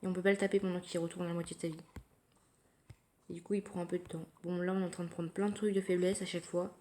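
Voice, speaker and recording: A woman giving casual commentary while playing a mobile game, thinking aloud in a quiet, low-key way, recorded through her phone. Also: level tone, fast, a little hiss or hum. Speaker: mobile gamer narrating her play. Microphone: phone screen recording.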